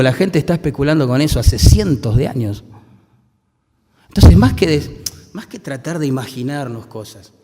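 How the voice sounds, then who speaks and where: A pastor's mid-range, slightly mellow voice carries a long reverb tail through the church hall. With his Rioplatense Argentine accent, he preaches conversationally and puts rhetorical questions to the congregation.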